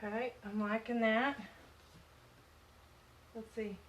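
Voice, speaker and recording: A woman's voice: on the high side, little pitch movement, slow pace, a little hiss or hum, poor audio. A woman with a Southern US accent teaching a live-stream painting tutorial, chatty and loose, talking through each step as she works. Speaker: painting instructor. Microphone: phone on live stream.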